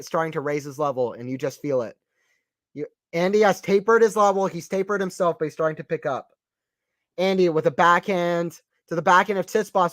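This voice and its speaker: Here a Southern-tinged stream commentator from Atlanta, Georgia, gives live play-by-play of a tennis match, chatting easily and responding to chat between points. He has a high, fairly bright voice that climbs sharply in heated rallies, captured close and dry with no room sound.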